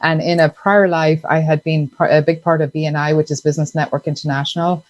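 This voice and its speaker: A woman from Ireland with an Irish accent, talking casually as a podcast guest. Her voice sits low, and she fills pauses with ums and laughs easily. The sound is dry, with no room echo. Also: steady tone, dull audio. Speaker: podcast guest, sponsorship consultant. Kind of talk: casual interview chat.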